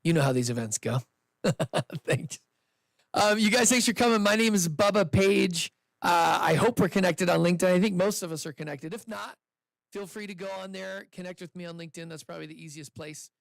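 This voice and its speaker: Fairly quick and high-pitched with a creaky edge, this man hosts a live event in an indoor room with a seated audience, speaking into a handheld microphone. He's an investor and host, chatty and upbeat with loose restarts, and there's no room sound.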